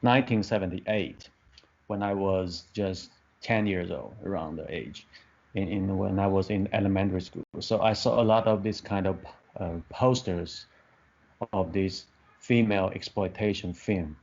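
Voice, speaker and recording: Searching for words, a film director from Taiwan in his 50s gives interview answers in English with many restarts and fillers. His low voice moves at normal speed with a darkish tone, and the podcast audio is dull and lo-fi.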